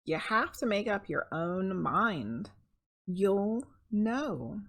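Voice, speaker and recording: Extremely slowly, a middle-aged woman reads a children's picture book in a mid-range, slightly husky voice. Her reading is expressive and chatty, with casual asides directed at viewers.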